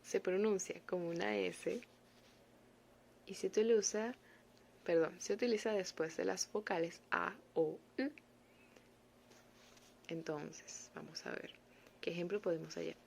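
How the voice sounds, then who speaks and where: A woman giving a casual online French lesson, explaining slowly and patiently with playful asides. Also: fairly low pitch, steady tone, vocal fry, a little mellow, slight background noise. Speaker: French teacher.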